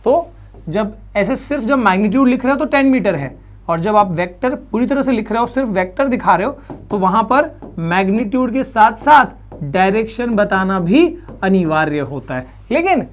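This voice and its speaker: A man's voice: high voice, lively intonation, moderate pace. A male physics teacher from India giving a classroom lecture, chatty and coaxing, asking questions and answering them himself. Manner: coaxing, reassuring students.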